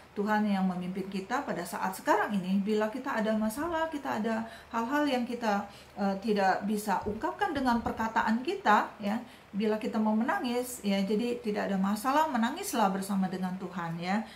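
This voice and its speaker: A woman giving a sermon, speaking gently and often tagging her sentences with short affirming words. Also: mid-range voice. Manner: gentle, repeats "ya" and "gitu" often. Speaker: preacher. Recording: echoey room with faint noise.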